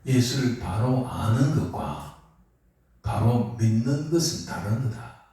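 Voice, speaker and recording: A man's voice: medium pitch, slow. A man preaching a sermon as pastor, asking his congregation questions as he goes. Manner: lively, asks the congregation questions. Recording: echoey hall, mic far off.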